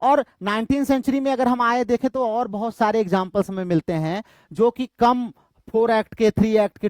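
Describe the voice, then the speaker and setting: A man's voice: high voice, darkish tone, no echo. A male literature teacher giving an exam-prep lecture in Hinglish, often asking a question and then answering it himself. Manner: repetitive quizzing, asks and answers own questions.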